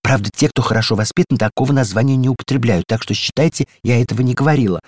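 A man's voice: medium pitch, quick pace, darkish tone, no echo, clean studio sound, pitched above the performer's own voice, lightly acted. A man voicing a fussy, know-it-all female door handle in a storybook reading, prim and insistent, sometimes dropping to a tragic whisper.

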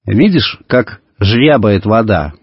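A man's voice: on the low side, slow pace, slightly rough, no echo, full character voice. A man voicing a playful, inventive middle-aged father in a radio story reading. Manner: calm, playful, solemn when reciting. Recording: dull radio recording, faint music.

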